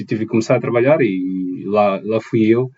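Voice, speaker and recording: A man's voice: fairly low pitch, normal speed, warm tone, husky, dull audio, soft background music. A young man from Mozambique, a podcast guest answering thoughtfully and searching for his words with many restarts. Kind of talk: conversational interview answers.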